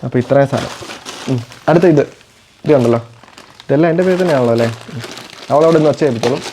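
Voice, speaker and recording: A man's voice: medium pitch, quick pace, dark tone, slight background noise. A father chatting casually while unboxing parcels, explaining each item and playing with his little daughter. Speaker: father and family vlogger.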